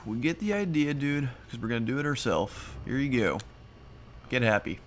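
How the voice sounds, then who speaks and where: A man's voice: mid-range voice, animated, moderate pace. A man hosting a let's play, giving casual gaming commentary in a chatty, jokey manner that addresses viewers directly. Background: game music.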